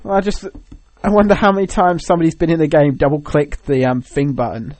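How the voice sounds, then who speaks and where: A young British man co-hosts a podcast, chatting casually in a rambling, hesitant, joking manner. His voice is a little high and a little mellow, with fairly even intonation, a quick pace, and slight background noise.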